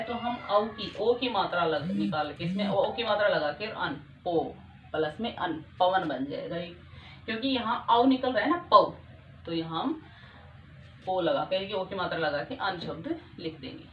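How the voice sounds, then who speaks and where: A woman's voice: medium pitch, animated, moderate pace. A young woman teaching a grammar lesson, patiently repeating each point and checking that her students follow. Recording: echoey room, dull lo-fi sound, faint noise.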